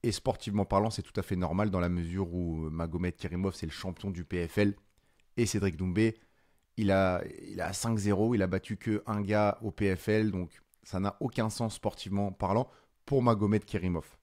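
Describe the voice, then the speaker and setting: A man hosting his own channel, explaining fight news in a casual, animated way with frequent fillers. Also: sits low, moderate pace. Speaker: MMA channel host. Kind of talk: casual commentary to camera.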